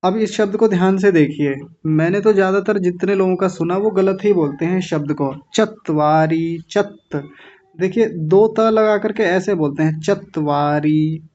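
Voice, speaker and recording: A man teaching Sanskrit pronunciation, correcting students slowly and repeating words syllable by syllable. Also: high voice, warm tone. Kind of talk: online pronunciation class. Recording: dull lo-fi sound.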